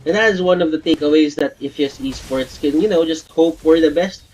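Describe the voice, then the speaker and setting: Excited male esports caster. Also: fairly quick, slightly rough, rough recording. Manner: shouts high and excited in big plays. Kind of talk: live esports play-by-play commentary.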